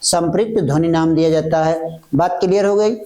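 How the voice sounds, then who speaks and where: A man's voice: fairly high pitch, mellow. A man teaching an exam-prep grammar lecture, asking questions and answering them himself, repeating each point several times. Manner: slow, halting delivery that restates fragments.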